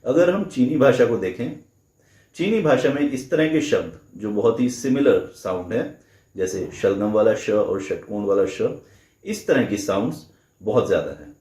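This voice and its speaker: A male teacher explaining a language lesson at an unhurried pace, slowing down to show each sound clearly. His voice is dark and mellow, and it rings a little in an echoey room. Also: lowish voice, animated. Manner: slow, careful, demonstrates sounds aloud.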